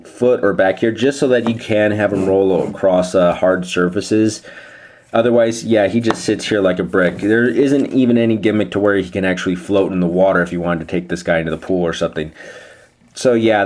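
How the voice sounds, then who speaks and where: A man talks casually through a toy review in a fairly low voice. He rambles, trips over his words and pauses with frequent "uh"s. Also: a little mellow. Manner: rambling, hesitant with fillers.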